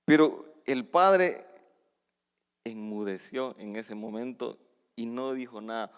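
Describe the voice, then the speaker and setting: A male preacher delivering a sermon, reading scripture and explaining it, shifting between hushed readings and loud emphatic outbursts, with casual asides and self-corrections. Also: mid-range voice, slow, clean tone. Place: church sanctuary. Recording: long reverb of a church hall.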